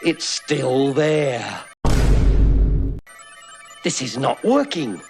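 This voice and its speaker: An actor playing a loyal, earnest hobbit servant in an animated fantasy film, with theatrical delivery over a film score. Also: male voice, medium pitch, drawn-out words, soft background music, heavily acted. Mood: worried. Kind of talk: theatrical cartoon film acting.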